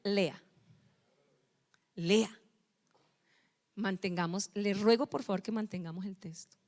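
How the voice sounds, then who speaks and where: A woman's voice: mid-range voice, takes it slowly, a little mellow. A middle-aged woman pastor, preaching a sermon and firing questions at the congregation, scolding them at times. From Colombia.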